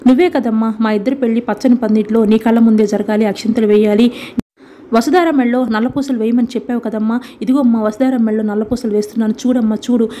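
A grieving young son pleads with his dying mother in a tearful, repetitive way, as a woman narrator reads him out. The voice stays dark and flat, with little rise and fall. It is a soap-opera story retelling. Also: on the high side, fast, a little hiss or hum, lightly acted. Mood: pleading.

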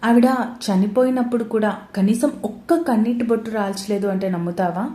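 Kind big brother in a storybook romance, woman reading him, soft mellow voice, echoey room. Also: mid-range voice, brisk, close to an everyday voice. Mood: gentle. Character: caring, gentle elder brother.

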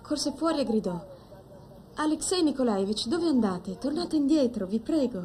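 An actress playing a young woman who reads a story aloud to an older woman, with a measured, expressive delivery. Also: high voice. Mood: reading aloud. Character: young woman reader, gentle and patient. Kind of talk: film drama, reading a story aloud.

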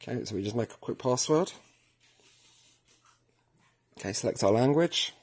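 A man at an indoor work table narrates a casual step-by-step product tutorial, filming his hands and the device while thinking aloud informally. His medium-pitched voice is darkish and slightly rough, with lively intonation and a moderate pace.

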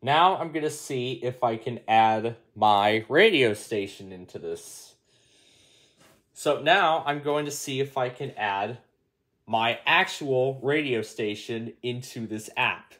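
A man with a mid-range, fairly bright voice speaks slowly as he hosts a casual hands-on app tutorial indoors, thinking aloud while working through the steps.

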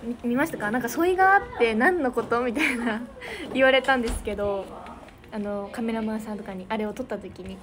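Over crowd noise, a teenage idol host from Niigata, Japan, chats casually on her livestream and thanks viewers for their comments. She talks fast, with a voice on the high side and fairly even intonation, and the recording is noisy.

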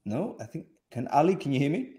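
A man's voice: fairly high pitch, very animated, fairly quick, dark tone. A man hosting a live video-call panel, friendly and chatty, with frequent restarts and fillers, speaking into a headset from a home office. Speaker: host. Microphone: over-ear headset on a video call.

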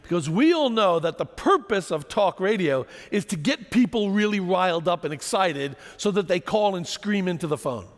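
A man's voice: high voice, moderate pace, few pauses, long reverb tail. A man giving a public lecture to an audience, telling stories and asking rhetorical questions. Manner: animated storytelling, rhetorical questions.

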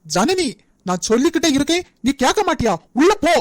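A woman's voice: on the high side, fairly quick, darkish tone, no room sound, clean studio sound, lightly acted. A woman voicing a stern, protective young man in a cartoon, speaking firmly with a Nagercoil Tamil accent. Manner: firm, commanding. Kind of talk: cartoon voice acting.

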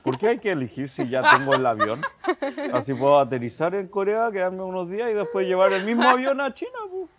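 A young man with a Chilean accent chatting casually as a studio guest, laughing easily and throwing in quick asides. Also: sits high, animated, heavy background noise. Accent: Chilean Spanish. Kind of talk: casual chat. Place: TV-style studio set.

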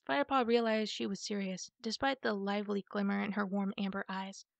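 Calm woman reading a storybook softly. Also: medium pitch, a little fast, creaky, dry recording. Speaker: audiobook reader. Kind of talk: soft ASMR storybook reading.

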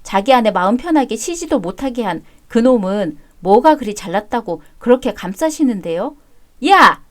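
A woman storyteller reads a dramatic tale, with calm, firm and cool retorts. Her voice is somewhat high-pitched. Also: normal speed. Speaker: story narrator and reader. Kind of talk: scripted story narration with dialogue.

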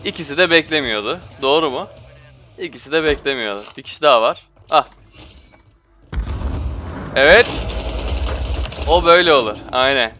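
A man's voice: on the high side, moderate pace, long pauses, sharp tone, slight background noise. A man commentating his own shooter gameplay, switching between frustrated outbursts, muttering to himself and slangy trash talk at opponents. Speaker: gaming streamer.

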